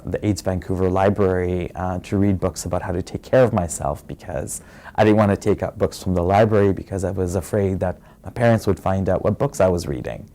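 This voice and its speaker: Speaking softly and reflectively, an interviewee from Fiji shares his own story as personal testimony. His voice is low and mellow, his pace unhurried, and his speech marked by frequent pauses, fillers, and little hesitations.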